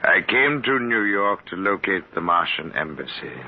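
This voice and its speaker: A stiff, exacting scholar with an oddly formal way of speaking. His voice sits very low and measured. It comes through a dull, muffled 1950s radio recording with faint hiss. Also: big pitch swings. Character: odd, precise scholarly man seeking Martians. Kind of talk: 1950s radio drama acting.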